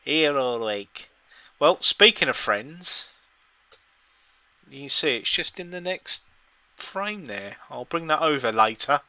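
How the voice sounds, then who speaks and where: A man chatting casually on a live stream, playful and jokey. His voice is bright and forceful with a crisp, resonant clarity. The sound is dry and close. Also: fairly high pitch, animated, slow pace, pauses often, dry recording. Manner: jokey, reads listings aloud in bits. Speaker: streamer co-host.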